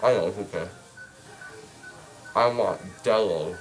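A man's voice: fairly low pitch, measured pace, faint music behind. A teenage boy chatting casually and ramblingly after wisdom teeth removal, muffled by gauze in a numb mouth. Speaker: patient just out of wisdom teeth surgery. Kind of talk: casual chat. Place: small dental clinic room. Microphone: phone held close by someone else.

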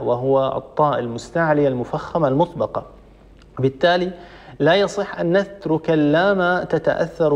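A sheikh teaching Quran recitation rules, explaining a poem line by line, repeating points and slowly drawing out example words. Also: male voice, a little high, highs cut off. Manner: repeats points for emphasis, with hesitation fillers.

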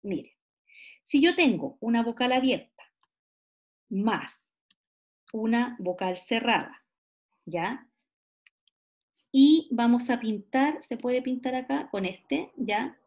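A woman's voice: on the high side, expressive, a little mellow. A middle-aged woman, giving a classroom lecture. She explains step by step, drawing out example words and checking in with her listeners. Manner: explains slowly, stretches example words, asks rhetorical checks. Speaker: teacher.

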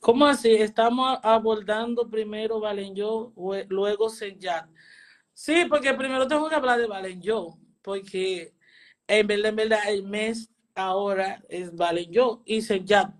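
A woman's voice: mid-range voice, a little slow. A woman, a spiritual teacher telling a personal testimony and earnestly repeating phrases for emphasis.

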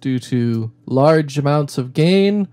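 A man reading a slow, deliberate test line, recorded with the gain set so high that the audio clips and distorts with a rattling crunch. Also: animated, warm tone. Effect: clipped, distorted recording with a rattling crunch. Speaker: audio tutorial host.

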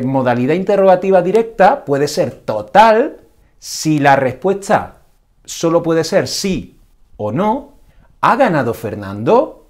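Lively man explaining a grammar lesson. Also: fairly high pitch. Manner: explains step by step with varied intonation. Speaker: language teacher.

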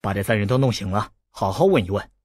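Grave, low-voiced sect leader, read by a man. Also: expressive, darkish tone, breathy edge, dry recording, studio quality. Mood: stern. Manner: grave and measured. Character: calm commanding middle-aged sect leader.

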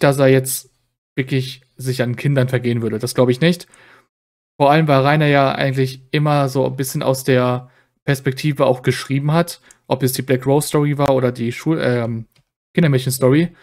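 A man's voice: a little high, a little mellow. A man streaming commentary on clips in a casual, sarcastic, rambling way.

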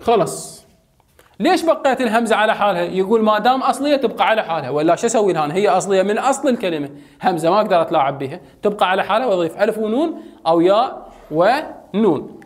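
A man's voice: high-pitched, expressive, rapid-fire. A young adult male teacher with an Iraqi Arabic accent, giving a chatty lesson and asking his students questions, then answering them himself. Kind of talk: casual classroom lecture.

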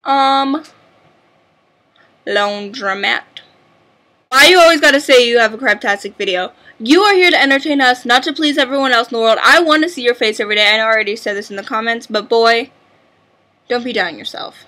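A woman's voice: fairly high pitch, normal speed, sharp tone. A young woman vlogger chatting casually and bubbly, with lots of filler words. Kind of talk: casual chat.

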